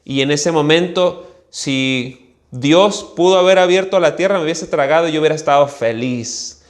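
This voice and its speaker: A Mexican-accented pastor tells a personal story from the pulpit and acts out the voices in it. His voice sits on the higher side for a man. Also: normal speed. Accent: Mexican Spanish. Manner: animated storyteller, acting out voices. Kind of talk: storytelling sermon.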